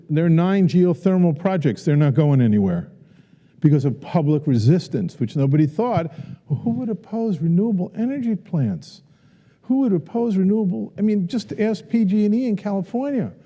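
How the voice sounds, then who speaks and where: Male professor, earnest lecture, deep mellow tone, big reverberant hall. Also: dull audio. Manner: earnest, repeats questions for the audience. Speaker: professor giving a symposium talk. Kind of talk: lecture and audience Q&A. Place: university auditorium. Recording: long auditorium reverb.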